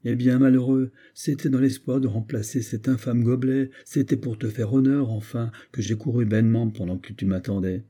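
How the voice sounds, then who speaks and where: Broke young painter, wry and sharp-tongued, dark husky tone, read by a man. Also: mid-range voice, fairly even intonation, normal speed, hardly any pauses, natural voice. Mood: exasperated. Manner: wry, exasperated.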